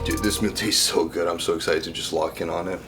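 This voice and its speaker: A young man from Ukraine vlogging his bodybuilding prep in a relaxed, chatty way, full of fillers and restarts. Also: deep voice, quick pace, over music. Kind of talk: casual vlog talk.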